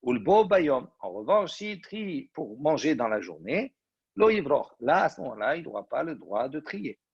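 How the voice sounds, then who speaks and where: A rabbi teaches a Talmud class in a gravelly, husky voice that sits a little high for a man. He reads Aramaic phrases slowly, then explains them step by step. The sound is dry and dull, like a lo-fi recording. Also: big pitch swings, no room sound.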